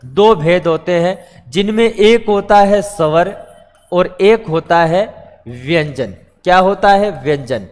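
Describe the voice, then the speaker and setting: A man's voice: high-pitched, takes it slowly. A man teaching Hindi grammar in a live online class, explaining patiently step by step and answering his own questions. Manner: patient, explains step by step, calls students beta; repeats questions and answers them himself. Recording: long echo of a reverberant room.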